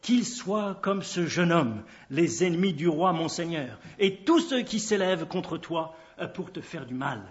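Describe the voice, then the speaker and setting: A man's voice: a little high, animated, measured pace, hardly any pauses. A man reading the lines of a solemn royal messenger who declaims his news formally. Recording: dull lo-fi recording.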